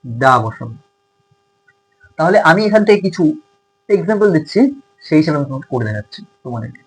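A man's voice: on the high side, very animated, brisk, breathy edge, rough recording. A male tutor with a Bengali accent teaching a grammar lesson, asking his students questions and answering them himself.

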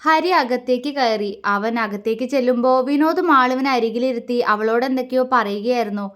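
A woman tells a serialized love story in a steady, even reading voice. Her pitch sits a little above the usual range. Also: a little fast. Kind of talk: scripted story narration.

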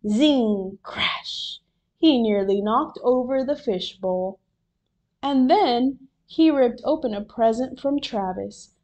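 Slow, expressive woman reading a picture book. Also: fairly high pitch, lo-fi sound. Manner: slow, expressive read-aloud with sound effects. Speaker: storybook reader.

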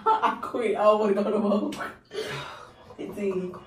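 A young woman in casual challenge banter, excitable, often whining and pleading, recorded in a small bathroom. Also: mid-range voice, measured pace. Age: young adult. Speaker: challenge vlogger. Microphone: camera set a short way off. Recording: roomy echo, distant mic, faint noise.

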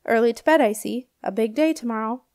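A woman's voice: a little high, fairly quick, darkish tone, close to an everyday voice. A woman voicing a cheerful ancient male ghost knight who guards a princess's door and tells silly jokes. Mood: jovial. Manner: jovial, chuckling, jokey.

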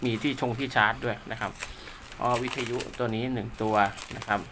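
A radio technician and seller presents his work, giving casual, polite, rambling commentary as he sets up his gear, half talking to himself. His mid-range voice is steady and fairly quick, against a noisy background.

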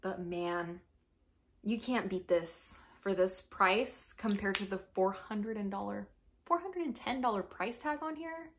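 A woman's voice: mid-range voice, measured pace, a bit bright. A young American woman with braces slightly affecting her articulation, chatting informally and expressively to camera in a product review. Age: young adult. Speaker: perfume reviewer. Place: small furnished room at home, indoors.

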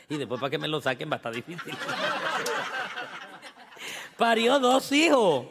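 A Mexican man emceeing a live show with crude, teasing stand-up and a rowdy laugh never far off. His voice is high and gravelly. Long reverb and band music surround him on a stage mic. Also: sing-song, slow pace, very noisy.

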